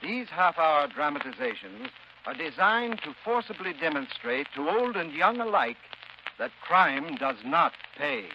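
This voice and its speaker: Gravelly 1930s male radio announcer. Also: fairly high pitch, lively intonation, measured pace. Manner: formal, declamatory. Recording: noisy muffled 1930s radio recording.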